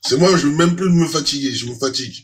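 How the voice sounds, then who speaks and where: A man's voice: fairly high pitch, fast talker. A man chatting casually on a live stream, often agreeing and repeating short phrases. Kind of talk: casual chat.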